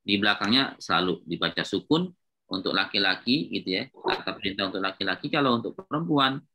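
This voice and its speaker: Man, Arabic grammar lesson, lowish pitch, bright tone, patient and repetitive. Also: animated, fairly quick. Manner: patient, repetitive, checks with students often. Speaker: Islamic teacher of Arabic grammar. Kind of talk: classroom lecture at a whiteboard.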